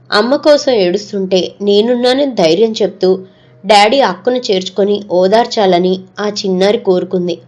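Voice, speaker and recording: Woman narrating an audio story. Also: medium pitch. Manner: steady, measured storytelling.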